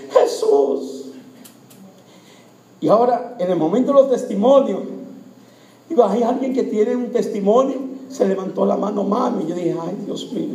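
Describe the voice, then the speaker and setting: A man's voice: very high voice, warm tone, roomy sound, slight background noise. A man preaching a sermon testimony, speaking emphatically and putting questions to the congregation.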